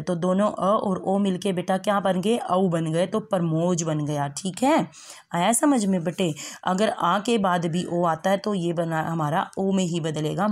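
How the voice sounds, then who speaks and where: Patient low-voiced woman teacher. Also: a little mellow. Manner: patient, repeats checks like "ठीक है" and "समझ में आया"; calls listeners "बेटा". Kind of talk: Hindi grammar lesson for children.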